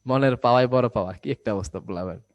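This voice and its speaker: A young man teaches a Bangla grammar class online. His voice sits at an average pitch and keeps checking in with quick questions, then answers them himself. The sound is close and dry, with no room echo. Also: highs cut off. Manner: quizzing students, answering his own questions. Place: indoors, recorded for an online class.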